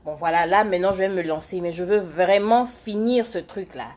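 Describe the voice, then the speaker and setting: Here the young Ivorian streamer and student has a lowish, darkish voice and a moderate pace. She's putting on makeup and loosely responding to comments during a casual livestream.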